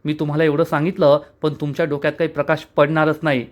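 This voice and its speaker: A man's voice: a little high, flat delivery, quick pace, close to an everyday voice. A man voicing an exasperated young wife who scolds her husband, in a serial episode recap. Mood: angry. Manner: scolding, indignant.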